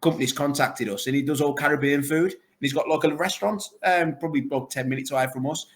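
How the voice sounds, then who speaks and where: A fast-talking man with a voice on the high side, an arcade owner, chats enthusiastically and at great length during a casual interview. He rambles and fills his speech with superlatives.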